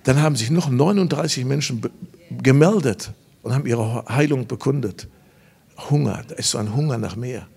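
A man's voice: mid-range voice, moderate pace, gravelly, breathy edge. Emphatic revival preacher, a man. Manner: emphatic storytelling with sudden loud bursts. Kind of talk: revival sermon. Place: church service before a congregation.

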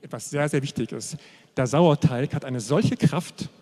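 A man preaching a sermon, emphatic and repetitive, slowing down to stress key phrases. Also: medium pitch, darkish tone. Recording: long hall reverb.

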